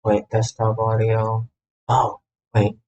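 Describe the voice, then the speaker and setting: A man with a lowish, darkish, monotone voice takes it slowly as he chats casually while setting up a game on his VTuber livestream. He jumps around, interrupts himself, and repeats phrases often.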